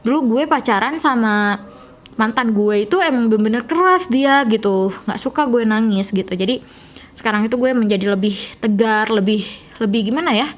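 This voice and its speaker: A young woman with a soft, gentle Sundanese accent chats straight to the camera in a relaxed vlog. Her voice sits a little high. She rambles loosely and fills the gaps with small fillers. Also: moderate pace. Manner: chatty, rambling, many fillers. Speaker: vlogger. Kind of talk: casual storytelling to camera.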